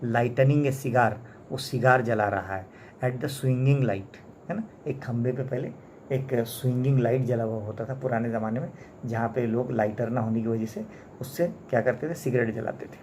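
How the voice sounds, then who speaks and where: A man's voice: mid-range voice, normal speed, a little mellow, slight background noise. A male teacher from India with an Indian English accent, explaining a text phrase by phrase and checking in with his listeners. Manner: translates line by line, often adds "isn't it?" tags. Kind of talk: classroom lesson explaining a story.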